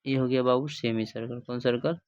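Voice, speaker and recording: A man's voice: mid-range voice, steady tone, a little fast, darkish tone, muffled recording. A male math teacher. He gives a livestream classroom lesson in call-and-response style, asking questions, repeating the answers and calling his students "babu".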